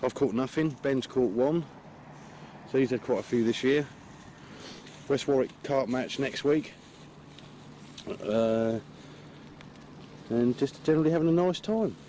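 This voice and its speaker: Male angler, low-key diary talk, warm mellow tone, recorded outdoors with faint noise. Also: measured pace, long pauses. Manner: relaxed, low-key, rambling chat. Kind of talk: casual outdoor video diary. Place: outdoors by a lake.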